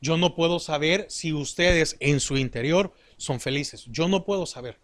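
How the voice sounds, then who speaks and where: A middle-aged man preaching a sermon in a slow, deliberate way, asking the congregation rhetorical questions. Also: fairly high pitch.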